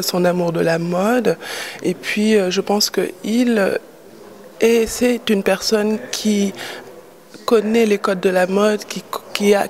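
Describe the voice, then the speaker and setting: A woman's voice: mid-range voice, a little mellow. Hesitant young Parisian woman. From Paris, France. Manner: hesitant, many fillers and repeated words. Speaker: fashion model interviewee. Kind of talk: casual interview.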